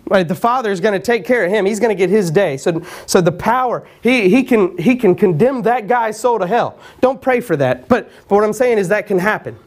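A man preaching a sermon in a conversational way, often repeating words and clearing his throat. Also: high-pitched, expressive, brisk, few pauses. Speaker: pastor.

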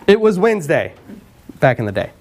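A man preaching a sermon in a conversational way, often repeating words and clearing his throat. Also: a little high, very animated, fairly quick, a little mellow, slight background noise. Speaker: pastor.

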